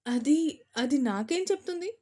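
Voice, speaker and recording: A strict young mother who scolds her family and stammers when cornered, as a woman reads her in an audio story. The voice is fairly high and close to the reader's own. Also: animated, normal speed, darkish tone. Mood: flustered.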